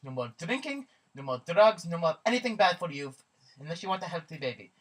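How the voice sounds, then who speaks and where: A calm, blunt doctor from a goofy sock puppet comedy, voiced by a woman. The delivery is matter-of-fact, lowered in pitch and somewhat raspy. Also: fast talker, far from the mic.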